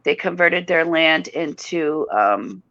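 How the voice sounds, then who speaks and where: A woman co-hosting a talk show, telling a story in a halting way with many fillers and restarts. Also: low-pitched, lively intonation, bright, forceful tone, dry recording, lo-fi sound. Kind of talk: casual talk show chat.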